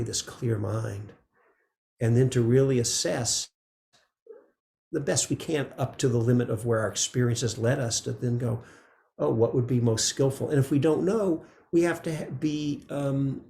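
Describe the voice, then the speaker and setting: A man teaching meditation in a relaxed, conversational dharma talk, often checking in with "right?". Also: medium pitch, vocal fry, echoey room. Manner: gentle, conversational, frequent "right?" asides.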